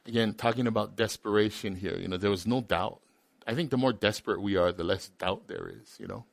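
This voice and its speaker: A man preaching a sermon as a pastor, switching between two languages and swinging from loud emphatic peaks to quiet asides. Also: on the low side, big pitch swings, measured pace, creaky, no echo. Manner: alternates each point between two languages. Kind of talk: bilingual sermon.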